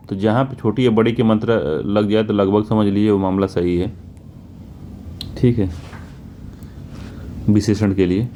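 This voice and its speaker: A man's voice: fairly low pitch, dark tone, a little hiss or hum. A male teacher working through exam questions one by one, often repeating answers and checking with "theek hai". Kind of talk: exam answer walkthrough lesson.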